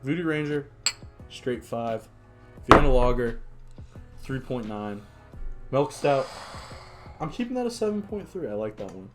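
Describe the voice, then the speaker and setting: A man's voice: mid-range voice, lively intonation, unhurried, long pauses, music in the background. A tipsy man co-hosting a casual beer review, joking and rambling as he gives scores. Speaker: co-host rating beers. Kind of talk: casual drunken banter.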